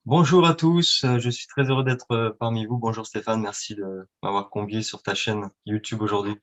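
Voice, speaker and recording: An independent trader from France and Italy answers interview questions as a guest, filling his speech with fillers and restarts. His voice is fairly low, with fairly even intonation and normal speed, and the lo-fi recording sounds dull.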